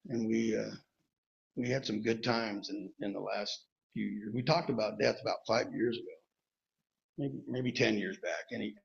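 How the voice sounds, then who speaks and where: A man giving a rambling, halting tribute at a memorial recovery meeting, mixing jokes into it. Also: on the low side, steady tone, creaky, breathy edge, muffled recording. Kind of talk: personal tribute speech.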